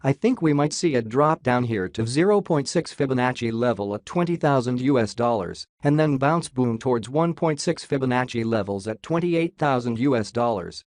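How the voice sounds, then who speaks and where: A man's voice: medium pitch, animated, moderate pace, hardly any pauses, a little mellow, no echo. Man, robot voice filter, chart analyst, jokey casual talk, dry close sound. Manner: jokey, says "lol" aloud. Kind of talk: casual screen-share chart walkthrough.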